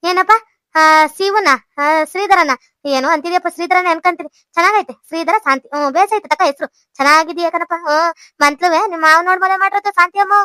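A woman plays a chattering old grandmother from a village in a cartoon, fussing and gushing with a North Karnataka Kannada accent. The voice is very high and bright, rattling along fast, and the recording is dry and close. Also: no room sound. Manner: fussy, gushing, lots of sighs. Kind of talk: cartoon voice acting.

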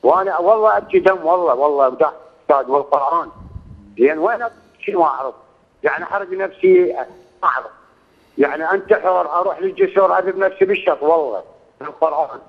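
A man's voice: on the high side, quick pace. Pleading Iraqi man in his sixties on a phone line. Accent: Iraqi Arabic. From Iraq. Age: 60s. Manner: pleading, swears oaths constantly, repeats himself. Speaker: caller. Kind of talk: call-in radio complaint.

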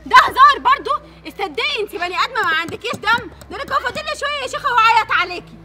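A woman playing a fast-talking Egyptian stranger. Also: very high-pitched, animated. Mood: scolding. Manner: pleading and soothing, calls for help. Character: kind woman stranger, worried then indignant. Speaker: passerby helping a locked-in child. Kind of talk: family skit acting.

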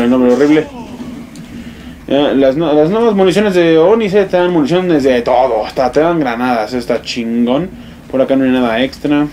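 A young man with a Mexican accent giving excitable, swear-filled let's play commentary, yelping and exclaiming as he plays. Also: a little high, a little hiss or hum. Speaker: gamer.

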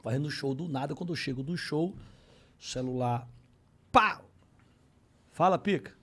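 A man, a comedian telling a comic story on a podcast in slangy, profane talk, swinging between low mutters and loud exclamations. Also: moderate pace, breathy edge.

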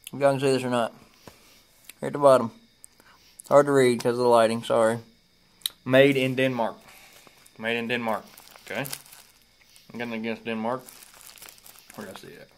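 A man's voice: medium pitch, flat delivery, a little fast, long pauses, slight background noise. A young man in his twenties with a Kentucky Southern accent, rambling casually through a review in a laid-back, folksy way, at times talking with a pipe in his mouth. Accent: Kentucky Southern American. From Kentucky, United States. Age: 20s. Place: small room indoors. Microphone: phone at arm's length.

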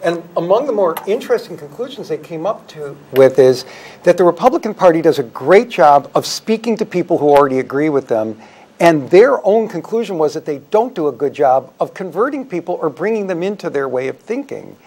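A man speaking as a historian guest on a talk show, explaining in a measured, articulate way. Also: a little high, very animated, darkish tone, breathy edge. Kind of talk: explanatory interview answers.

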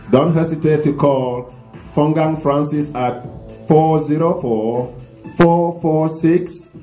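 A middle-aged man with a Cameroonian accent, a guest promoting his business in a studio interview, earnest and careful as he spells details out slowly into a handheld mic. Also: on the high side, dark tone, echoey room. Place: small studio set with couches.

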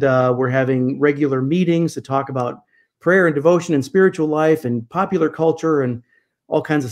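A man in his fifties, a guest church historian, speaking over a video call from a home study, emphatic and animated with rhetorical questions. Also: medium pitch. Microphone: video call webcam.

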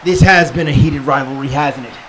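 A man's voice: medium pitch, crowd noise, lightly acted, low-quality recording. A young man playing a boastful, theatrical pro wrestler who talks in the third person in a promo parody, drawing out key words. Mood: brooding intensity. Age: young adult. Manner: theatrical, boastful, drawn-out emphasis. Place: small indoor set, dark backdrop.

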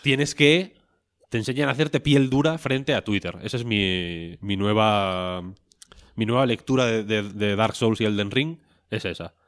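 A man's voice: on the low side, unhurried, fairly bright tone, dry recording, clean studio sound. A man, co-hosting a podcast in casual chat, rambling and joking with a lot of swearing. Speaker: podcast co-host.

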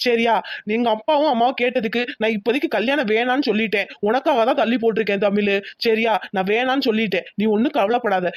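A woman's voice: fairly high pitch, no room sound, clean studio sound, lightly acted. A woman voicing a devoted young village man in a cartoon, reassuring his sweetheart. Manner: coaxing, reassuring.

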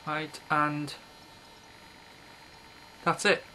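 A man in his thirties vlogs to his webcam in a small indoor bedroom with red curtains, rambling casually in a blunt, offhand way and often stopping mid-thought. His slightly high voice is bright and forceful, with little pitch movement and drawn-out words, and the low-quality built-in mic recording has slight background noise.

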